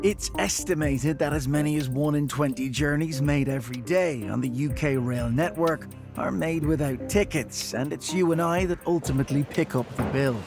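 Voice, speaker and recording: A man narrates a television documentary from a script. His voice sits a little high for a man. Music plays clearly underneath him. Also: moderate pace.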